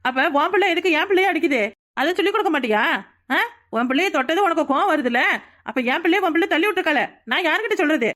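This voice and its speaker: A woman voicing a quarrelsome young aunt in a family cartoon, arguing back in a shrill, scolding way. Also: animated, fast talker, fairly bright tone. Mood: defiant.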